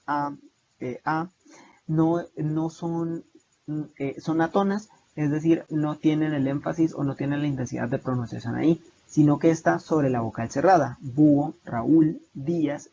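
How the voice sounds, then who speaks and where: A young man with a Salvadoran Spanish accent explains a lesson over a video call, his voice pitched a little high and mellow in tone. He talks steadily but fills his pauses with many hesitations and restarts. The call sounds dull and lo-fi, with a faint hiss behind him. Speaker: online tutor. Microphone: video call mic.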